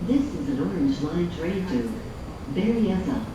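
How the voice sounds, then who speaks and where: A train loudspeaker announcement booms through the carriage, slow and measured, with lively rises and falls in pitch. It echoes heavily and sounds far from the mic, half buried under loud rumbling train noise. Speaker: transit announcer. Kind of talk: recorded station announcement. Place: inside a moving commuter train.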